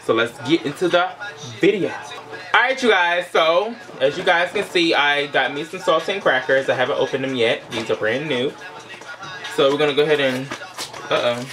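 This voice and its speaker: A man's voice: on the high side, fairly bright tone. A young man chatting casually to camera as a vlogger, informal and full of playful asides. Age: young adult. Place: small indoor room.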